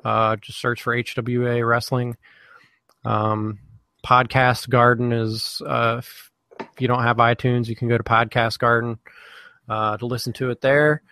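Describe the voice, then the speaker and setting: A man hosting a live podcast in casual chat, halting with many fillers and restarts. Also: mid-range voice, flat delivery, bright, forceful tone, no room sound. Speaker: podcast host.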